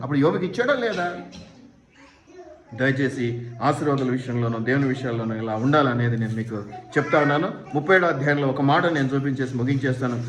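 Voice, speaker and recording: A man's voice: mid-range voice, slight background noise. A man preaching a sermon as pastor, firing rhetorical questions and acting out what imagined people say. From India. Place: church hall. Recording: echoey church hall.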